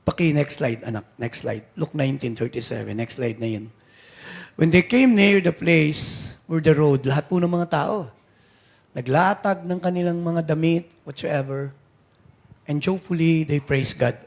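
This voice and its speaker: A Filipino pastor preaching to his church, his slightly high voice roughened with a gravelly edge. He moves between Tagalog and English and climbs now and then to shouts. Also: a little slow. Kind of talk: sermon. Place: church sanctuary.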